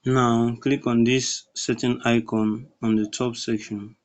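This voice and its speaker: A man presenting a step-by-step screen tutorial in halting, instructional phrases. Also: mid-range voice, flat delivery. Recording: dull lo-fi recording.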